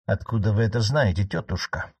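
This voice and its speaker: A man's voice: fairly low pitch, fairly quick, a little mellow, breathy edge, dry recording. A man reading an audiobook, voicing an earnest young investigating judge who grows unsettled.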